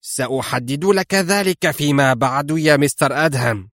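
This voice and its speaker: A man's voice: a little high, normal speed, fairly bright tone, no echo, clean studio sound, close to an everyday voice. Sly old villain, voiced by a male narrator. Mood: sly, smug. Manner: smug, mocking, theatrical.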